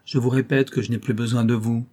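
A man's voice: medium pitch, flat delivery, a little fast, mellow, lightly acted. A man voicing a proud, cold noblewoman who speaks in dry, hard, contemptuous commands, reading a classic novel aloud. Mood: scornful.

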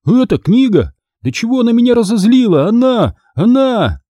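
A man reading aloud, voicing an angry, stubborn schoolboy with loud outbursts. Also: a little high, huge pitch swings, moderate pace, breathy edge, dry recording, voice pushed up, heavily acted.

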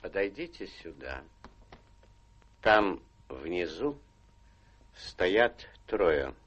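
A very low, husky voice gives this aristocratic lord weight and menace. He is calculating and imperious, giving measured orders in theatrical radio-play style. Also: very animated, fairly bright tone, lo-fi sound, exaggerated voice. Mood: commanding, calculating.

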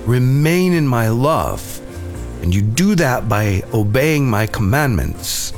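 A man of middle pitch gives a devotional reflection and prayer in an earnest, gentle manner. His delivery is heartfelt and unhurried. Faint music plays quietly behind him. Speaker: podcast host.

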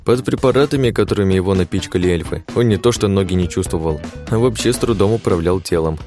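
A man narrating an audiobook in an even, wry storytelling manner. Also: low-pitched, fast talker, soft background music.

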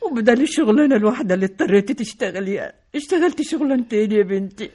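An ailing Egyptian mother in a radio play. Her tearful voice is husky and dark-toned, tender and worried. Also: mid-range voice, expressive, rapid-fire. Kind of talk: radio drama acting.

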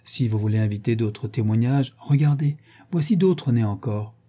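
A man voicing an effusive, teasing French theatre director in a storybook reading, pitched above his narrating voice. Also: expressive, normal speed, warm tone, slightly rough. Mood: jovial. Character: jovial, talkative middle-aged French theatre director.

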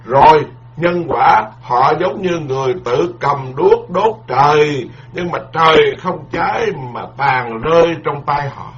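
A man's voice: on the high side, expressive, takes it slowly, hardly any pauses. A man, a Buddhist monk giving a dharma lecture in a folksy, repetitive, emphatic way, full of proverbs. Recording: dull lo-fi lecture recording.

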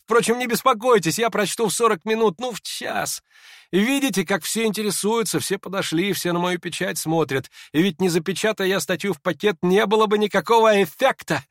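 A man's voice: a little slow, few pauses, dry recording, clean studio sound. A man doing a hysterical feverish young man. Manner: excitable, shrill, laughing strangely. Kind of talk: audiobook character reading.

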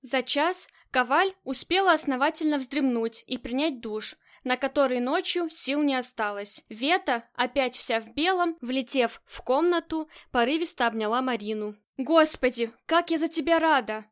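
High-voiced woman reading a crime novel. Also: lively intonation, normal speed, few pauses. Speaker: audiobook narrator. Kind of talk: scripted narration.

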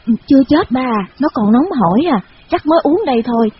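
A man doing a brisk take-charge sister. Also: animated, a little hiss or hum. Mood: urgent. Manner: high falsetto, quick and commanding. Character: brisk capable elder sister taking charge. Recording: dull lo-fi radio recording.

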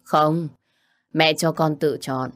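Brief: storybook mother, soft and patient, low voice, voiced by a woman. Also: slow. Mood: coaxing. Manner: calm, coaxing. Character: caring middle-aged mother, gently persuasive.

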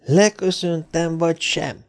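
Stern old scientist, measured and cold, somewhat raised pitch, as the male narrator voices him. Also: lively intonation, creaky, darkish tone, soft background music. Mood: tense. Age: older.

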